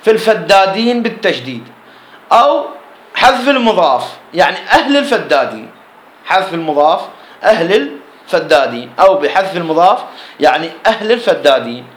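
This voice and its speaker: Brisk Iraqi teacher, higher-pitched male voice, lectures with rhetorical questions, roomy echo. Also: big pitch swings. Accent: Iraqi Arabic. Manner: explains line by line, asks and answers his own questions. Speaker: teacher of Islamic jurisprudence. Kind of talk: classroom lecture explaining a text.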